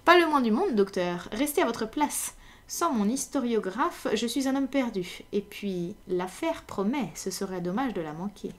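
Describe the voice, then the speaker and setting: A woman reading aloud in French, voicing a sharp, confident male detective with dry irony in her plain own voice. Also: on the high side, expressive, normal speed, lightly acted. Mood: assured. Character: sharp, self-assured male detective, middle-aged.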